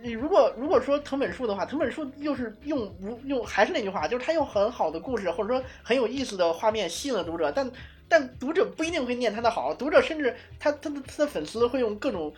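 A woman's voice: fairly high pitch, expressive, quick pace, faint music behind. A woman co-hosting a casual podcast, talking things through in a fluent, analytical way with frequent restarts. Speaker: podcast co-host.

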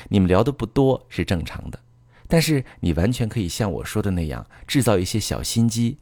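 A man with a low voice hosts a relationship advice talk, explaining and instructing in an earnest way. His pitch moves a lot as he speaks straight to his listeners. The recording is close and dry. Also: a little mellow, no echo. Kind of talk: advice monologue.

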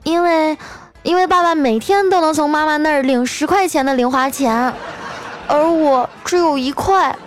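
A woman voicing a blunt, naive little boy with a high, whiny child voice. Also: normal speed, close to an everyday voice. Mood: cheeky. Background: faint background music.

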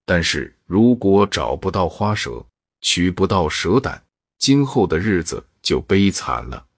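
A man narrates a folk tale in a steady, even way. His voice is low and husky. The sound is dry and close. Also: a little slow, dry recording. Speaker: storyteller.

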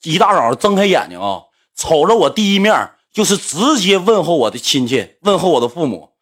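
Playful man, lively pitch. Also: fairly quick. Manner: teasing, playful. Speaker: livestream co-host. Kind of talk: casual chat.

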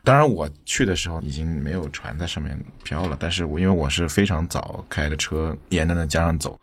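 A man's voice: very deep voice, brisk, husky. A man who is a podcast producer, telling a story in a thoughtful, descriptive way and slipping in an English word now and then. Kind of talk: reflective storytelling in conversation.

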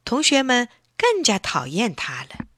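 A woman reading a children's story aloud in a gentle, expressive way. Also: fairly high pitch, a little slow, breathy edge, dry recording, studio quality.

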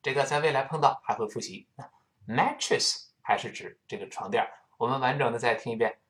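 A man teaching English pronunciation in a recorded lesson, slowly demonstrating sounds and repeating words over and over. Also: mid-range voice, a bit bright.

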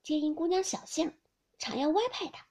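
A woman voicing a cheerful, outspoken young maid in a storybook reading, who chides briskly and teases. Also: sits high, a little mellow, pitched above the performer's own voice. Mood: chiding. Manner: brisk, teasing, scolding kindly.

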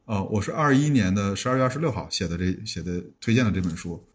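Man, around forty, podcast guest, husky, quick talker, reflective, casual chat. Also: lowish voice. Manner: fast, reflective, with frequent restarts. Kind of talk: casual conversation.

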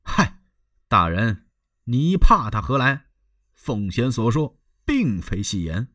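A man's voice: medium pitch, very animated, takes it slowly, fairly bright tone, dry recording, clean studio sound, full character voice. A man voicing a proud, hot-tempered warlord general in a traditional storytelling performance, declaiming boldly. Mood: defiant. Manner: bold declaiming.

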